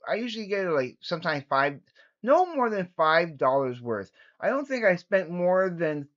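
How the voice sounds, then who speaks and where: A man's voice: fairly high pitch, a bit bright. A man vlogging casually to his viewers, rambling with frequent restarts and self-corrections. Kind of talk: casual chat to camera. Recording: dull lo-fi home recording.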